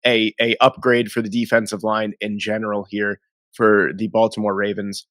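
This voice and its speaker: The host, a man with a fairly low, level and slightly bright voice at normal speed, is nasal and sniffly with a cold as he rambles through casual football draft commentary. His talk is conversational and full of self-corrections, with no echo on the recording.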